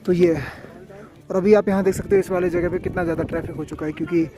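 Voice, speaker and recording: Speaking quickly in a high voice with fairly even intonation, a man narrates a casual travel vlog from a mountain trail. He's feverish and drained from the ascent but stays chatty, offering friendly guidance to viewers.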